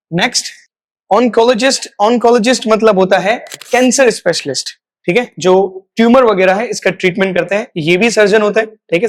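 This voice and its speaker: A man teaching a spoken English lesson. He repeats each example phrase, stretches it out slowly, and checks in often with "right?". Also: high-pitched. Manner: slow, drawn-out model phrases; repeats words for practice.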